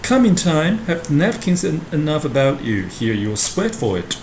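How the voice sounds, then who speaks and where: A man's voice: fairly high pitch, very animated, normal speed, a little mellow, voice pushed up. A man reading aloud the part of a grumbling castle porter in a stage play, declaiming and calling out to imagined visitors. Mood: mocking, calling out. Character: grumbling castle porter playing gatekeeper of hell. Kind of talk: dramatic read-aloud of a Shakespeare play. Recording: roomy echo with clear background noise.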